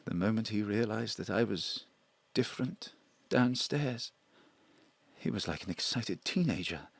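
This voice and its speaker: Bruno, a scared male drag performer who goes by Mona and is fleeing, is voiced by an actor in an audio drama with a confiding, theatrical, swooping delivery. The exaggerated voice is on the low side, a little slow, gravelly and slightly rough, recorded on a home studio mic without room sound.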